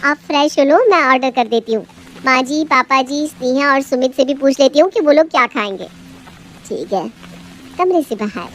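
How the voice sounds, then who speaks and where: A woman voicing a polite young daughter-in-law who keeps quiet but mutters her complaints. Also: high voice, lively intonation, normal speed. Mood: busy.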